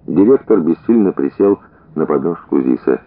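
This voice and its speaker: A man reading a story aloud as narrator, changing his pitch for the different characters. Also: lively intonation, normal speed. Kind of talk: audiobook reading with voiced dialogue. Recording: tinny narrow-band radio recording.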